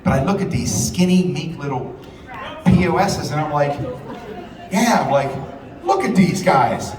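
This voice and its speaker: A man's voice: fairly high pitch, normal speed, darkish tone. Fiery man speaking in an echoey hall. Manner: blunt, profane, heated storytelling. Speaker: rally speaker. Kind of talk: fiery live speech. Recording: echoey hall, distant mic.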